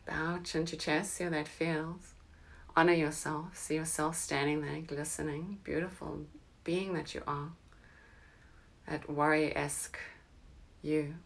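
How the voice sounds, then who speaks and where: A woman leading a guided meditation, speaking slowly and soothingly and often dropping into soft whispers. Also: sits low, creaky.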